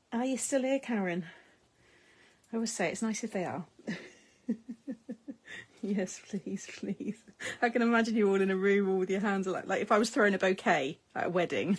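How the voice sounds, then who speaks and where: A middle-aged British woman chats casually with viewers during a crafting livestream, reading their comments out loud and laughing a lot. Her voice sits at a medium pitch, with a slight hiss or hum in the recording.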